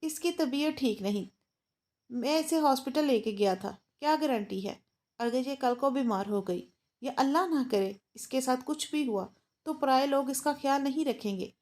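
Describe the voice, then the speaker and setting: A woman's voice: high-pitched, normal speed, darkish tone, close to an everyday voice. A woman voicing a young man, an earnest new husband who pleads with and coaxes his bride. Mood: pleading. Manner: earnest, coaxing.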